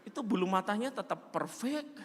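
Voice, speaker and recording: A man's voice: sits high, expressive, normal speed, a little hiss or hum. A male pastor telling a story in a sermon with humor, acting out the people in it. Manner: humorous, acts out the dialogue in his story. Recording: reverberant hall.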